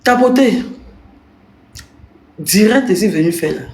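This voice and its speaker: A woman's voice: mid-range voice, lively intonation, measured pace, a little mellow, a little hiss or hum. A woman, a little tipsy, chatting to her live-stream viewers in a teasing, rambling way and breaking into giggles. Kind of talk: casual live-stream chat addressing viewers. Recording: roomy with faint background ambience.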